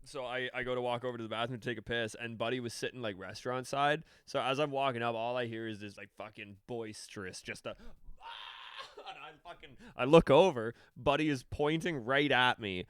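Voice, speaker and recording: A man's voice: medium pitch, moderate pace, smooth, dry recording, clean studio sound. A young man co-hosting a podcast, telling a story in casual, profane chat and acting out quotes. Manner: animated, profane, acts out quotes. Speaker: podcast co-host.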